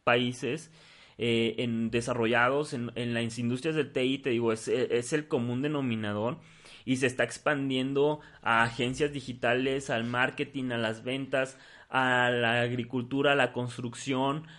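A man co-hosts a relaxed podcast. His voice sits at an ordinary middle pitch, and he talks with many pauses, fillers and restarts as he works through his ideas. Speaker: podcast co-host. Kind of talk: casual podcast chat.

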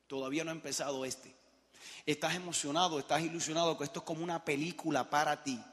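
Bright-voiced Cuban man speaking in a hall. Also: a little high. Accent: Cuban Spanish. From Cuba. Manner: emphatic, addresses the crowd directly with questions. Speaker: motivational business speaker. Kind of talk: live motivational talk to an audience. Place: large hall with a live audience. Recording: long hall reverb, crowd noise.

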